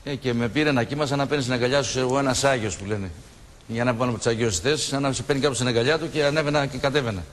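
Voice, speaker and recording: A man's voice: mid-range voice, steady tone, in a large hall. A man in his sixties, a shipwreck survivor, telling his story in a TV studio interview and acting out the dialogue he remembers. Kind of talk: emotional recollection in a TV studio interview.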